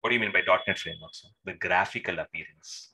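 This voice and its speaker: Bright-voiced man, teaching. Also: low voice, quick pace, low-quality recording. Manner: addresses learners as sir, checks with short tag questions. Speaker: instructor. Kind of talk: live online technical lesson, informal and interactive. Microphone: video call microphone.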